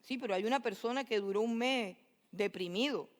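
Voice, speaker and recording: A woman's voice: on the high side, fairly quick. A woman preacher, speaking directly to her congregation in a church. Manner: animated, addresses congregation directly. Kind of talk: sermon. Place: church sanctuary.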